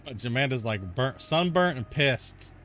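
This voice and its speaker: Over slight background noise, a man plays a mining game on stream and chats casually in a medium-pitched, fairly bright voice with lively intonation, going a little slow. He rambles in a relaxed way, leaning hard on "like" and "dude," and says his sunburn is making him itchy.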